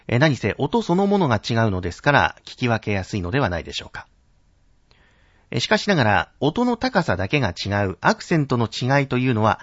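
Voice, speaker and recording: Formal male announcing instructor, lively pitch. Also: dry recording. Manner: formal polite speech, slow careful enunciation of example words. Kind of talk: scripted spoken lesson on pitch accent. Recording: dull, dry narrow-band recording.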